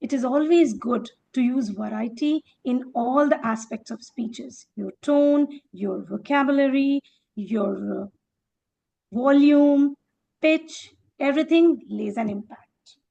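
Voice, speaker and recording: A woman teaching a speaking workshop in a fairly high voice with a gravelly edge. She calls on participants one by one, praises them, and acts out sample phrases to show each tone. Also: slow, warm tone, lo-fi sound. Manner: encouraging, calls on participants by name; demonstrates tones by acting out phrases. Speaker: workshop educator.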